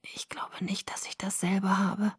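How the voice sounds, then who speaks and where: A woman's voice: medium pitch, completely flat delivery, a little slow, husky, dry recording, clean studio sound. A woman reading the part of a sick young man who whispers faintly and lifelessly on the phone. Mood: weak whisper.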